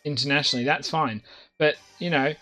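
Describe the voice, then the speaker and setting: A man's voice: a little high, fairly even intonation, a little fast, pushed and bright, faint music behind. Chatty man streaming a game. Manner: chatty, rambling, talks to viewers. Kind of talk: casual live-stream chat while playing.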